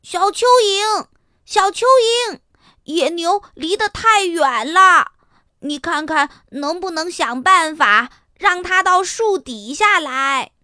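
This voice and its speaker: A woman's voice: slow, no echo, clean studio sound, full character voice. Billy, a woman doing an eager little hamster cowboy. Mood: calling out. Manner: excited, squealing high exclamations.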